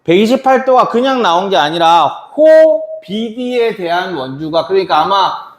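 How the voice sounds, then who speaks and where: A man's voice: high voice, lively intonation, moderate pace. A man teaching a math lesson to a class, chatty and quizzing students by name. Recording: echoey classroom.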